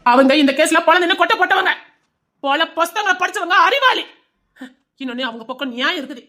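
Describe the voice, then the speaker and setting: A woman acting out a jittery lawyer in a homemade drama, rushing out warnings in a quick, high voice with a Tirunelveli Tamil accent. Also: lively intonation, pushed and bright, exaggerated voice. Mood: worried. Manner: hurried, warning. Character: nervous cautious male lawyer.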